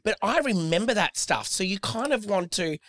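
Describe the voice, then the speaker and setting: A man's voice: high voice, expressive, normal speed, a bit bright. An Australian man talking reflectively as a podcast guest in casual chat, telling stories with frequent restarts.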